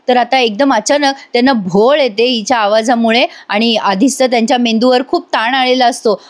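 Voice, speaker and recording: A woman casually retelling a TV serial episode, speaking directly to her viewers and adding her own opinionated comments. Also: on the high side. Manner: chatty, addresses viewers, opinionated asides. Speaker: TV serial recap narrator.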